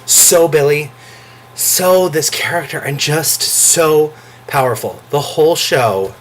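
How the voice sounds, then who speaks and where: A man talking in an excited casual vlog, gushing and emotional, close to tears, with sudden jumps into a high voice. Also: slow pace, slight background noise. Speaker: vlogger reviewing a show.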